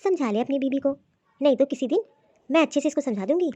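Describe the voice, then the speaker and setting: A woman voicing a scheming, scolding middle-aged mother-in-law in a cartoon, talking in a sharp, taunting, bossy way. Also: sits high, expressive, quick pace, a little hiss or hum. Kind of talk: cartoon voice acting.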